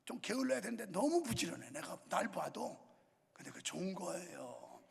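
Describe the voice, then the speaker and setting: This man's voice sits high, swings widely in pitch and carries vocal fry with a breathy edge, at normal speed. He's a sixty-something pastor delivering a sermon of colloquial stories and scolding bursts, with the sanctuary's long reverb audible throughout.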